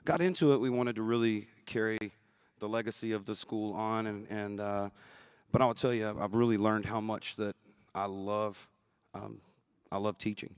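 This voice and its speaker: Smooth, low-voiced middle-aged man. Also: fairly even intonation, normal speed, no room sound, clean studio sound. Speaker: interview guest, auctioneering teacher. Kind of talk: conversational interview.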